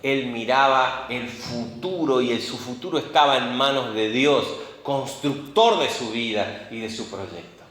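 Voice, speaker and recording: A man preaching a sermon, full of rhetorical questions and swinging between loud outbursts and hushed moments. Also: on the high side. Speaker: pastor. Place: church. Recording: very echoey church room.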